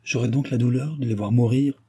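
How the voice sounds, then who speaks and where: A man's voice: mid-range voice, steady tone, fairly quick, dark tone, slightly rough, natural voice. A man reading aloud, voicing a proud, imperious young princess in a raised voice. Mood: questioning. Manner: haughty, commanding.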